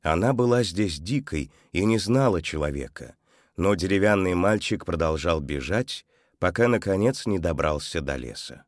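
Male audiobook narrator, low voice, animated delivery, close dry sound. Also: normal speed, dry recording. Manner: expressive, dramatic storytelling. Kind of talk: storybook narration.

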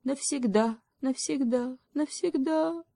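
A woman voicing a small, fussy male hedgehog who chatters quickly. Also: a little mellow, no echo, clean studio sound, close to an everyday voice. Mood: fading despair. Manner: quick, chattering, rising to shrill.

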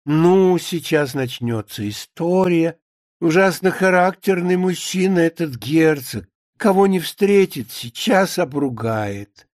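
A man's voice: on the high side, expressive, takes it slowly, a little mellow, dry recording, studio quality, voice pushed up. A man reading a dreamy young maid. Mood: gossipy. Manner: sighing, swooning over a novel. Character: young naive maid, dreamy romance reader. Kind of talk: dramatic reading of a play.

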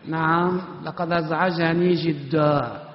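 A man's voice: fairly high pitch, steady tone. Man, Islamic teacher, commanding classroom questioning, lo-fi dull sound, reverberant hall. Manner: commanding, brisk orders to stand and sit. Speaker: Islamic teacher quizzing students.

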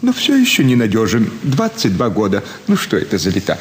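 An actor in a classic stage radio play portrays an older, fawning provincial landowner and doting father, pleading in an effusive, sentimental way full of flattery and sighs. His lowish voice is brisk, with slight hiss or hum, in a roomy stage hall with faint ambience.

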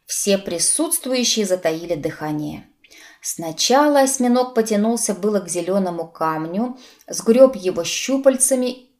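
A woman narrating an audiobook in a lively, expressive reading. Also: medium pitch.

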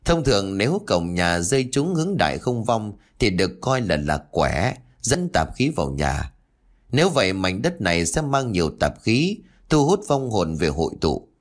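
A man voicing a calm older feng shui master who explains things slowly and evenly. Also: lowish voice. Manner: measured, explaining.

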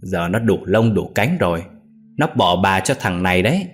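Brief: man voicing brutish gambling son, low-pitched, harsh, contemptuous. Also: lively intonation, normal speed, soft background music.

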